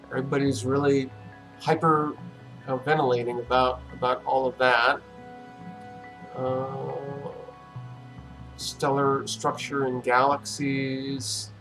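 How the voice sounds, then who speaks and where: A man hosts a relaxed livestream, talking slowly and musing aloud as he thinks things through. His voice has a gravelly edge, and there is faint music behind him. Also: mid-range voice, low-quality recording. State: relaxed and yawning. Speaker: livestream host. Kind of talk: casual livestream talk.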